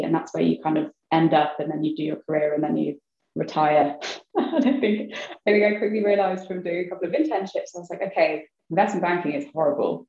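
A young woman, a venture investor appearing as an interview guest, chats casually in a low voice with a darkish tone. She's chatty and leans heavily on "like" and "kind of," and the recording sounds roomy and slightly dull.

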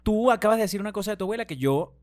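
Teasing Venezuelan man, lively pitch. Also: rapid-fire. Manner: playful teasing, mimics voices. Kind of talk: casual chat.

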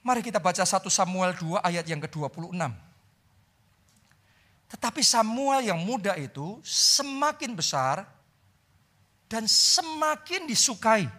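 A middle-aged man preaching a sermon as pastor, telling a story with sudden loud peaks and soft, quiet drops. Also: high voice, lively intonation, moderate pace.

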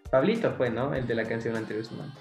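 A man's voice: mid-range voice, fast talker, echoey room, soft background music. A young man with an Ecuadorian accent co-hosting a podcast, rambling in slang-heavy casual chat and laughing often. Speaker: podcast co-host.

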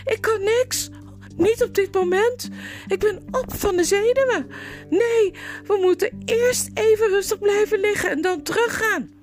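A woman reading a storybook aloud and voicing a whiny, easily frightened young noblewoman in a high, squeaky, tearful wail. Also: a little slow, darkish tone, soft background music. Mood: whining.

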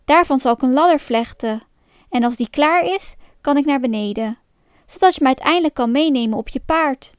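A woman narrator voices a gentle young maiden from a storybook, eager and quick as she speaks. The voice is high and heard dry and close, much like the reader's own. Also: no room sound, natural voice.

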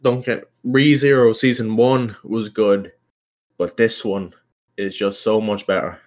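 A young Irish man hosts a casual solo podcast, rambling in an informal, self-conscious way and swearing plenty. His voice is fairly low and steady, and he talks a little slowly.

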